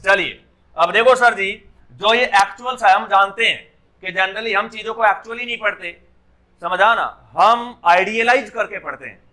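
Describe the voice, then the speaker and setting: A man's voice: high-pitched, bright, forceful tone. A man teaching an engineering exam class, lecturing and checking in with his students through rhetorical questions.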